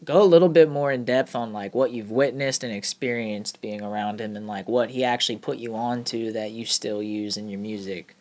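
A man asks questions in a casual interview, relaxed and conversational. Between his questions he offers short, easy acknowledgements. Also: lowish voice, moderate pace, hardly any pauses.

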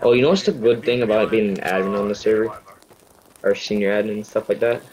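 Male gamer, slightly low pitch, offhand chat, noisy mic. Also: fast. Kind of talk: casual gaming voice chat. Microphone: gaming voice chat mic.

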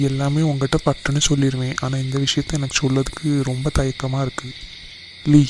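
A man's voice: mid-range voice, a little mellow, a little hiss or hum, natural voice, rough recording. A man voicing a young man in a cartoon, chatting casually with his close friend and teasing him in slang. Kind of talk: cartoon voice acting.

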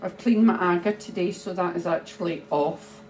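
A middle-aged woman, chatting slowly and thinking aloud as she preps food in her home kitchen. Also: lowish voice, a little mellow. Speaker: cooking vlogger. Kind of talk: casual cooking chat. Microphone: phone camera held nearby. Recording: noisy home kitchen ambience.

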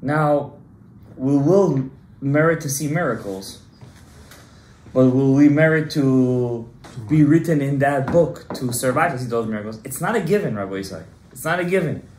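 A man's voice: medium pitch, moderate pace, a little mellow. A man in his thirties, a rabbi giving an emphatic Torah class to a small group and quizzing his listeners. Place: synagogue study room, indoors. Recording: roomy echo.

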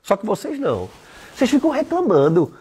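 A man's voice: sits high, wildly swooping pitch, fairly quick, warm tone, husky. A man giving a blunt, profane motivational talk on a live stream. He tells stories and mimics the people in them. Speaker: online weight-loss coach.

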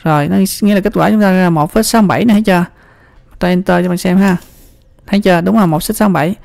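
Gravelly Southern Vietnamese tutorial voice. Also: mid-range voice, racing, darkish tone, no echo, clean studio sound. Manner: chatty, repeats words, often checks in with the viewer. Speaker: computer skills instructor. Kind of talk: screen-recorded spreadsheet tutorial.

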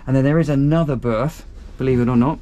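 A man's voice: medium pitch, quick pace, mellow. A man casually walking a camera through a boat, chatty and upbeat, thinking aloud as he goes. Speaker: boat reviewer giving a walkthrough tour. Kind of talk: casual walkthrough vlog. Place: outdoors on a marina pontoon and inside a small motor boat cabin.

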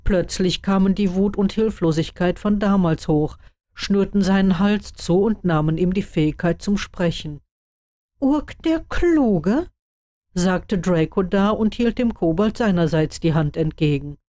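A woman narrating fan fiction in a calm, even storytelling voice. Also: on the low side, moderate pace, no room sound, clean studio sound. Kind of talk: audiobook reading of fan fiction.

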